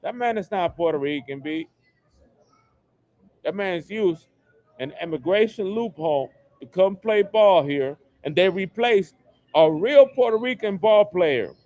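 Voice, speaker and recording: A man hosts a solo livestream from his New York home, ranting emphatically and repeating the same lines again and again. His high-pitched voice is expressive and darkish in tone, and he takes his time. The recording is dry.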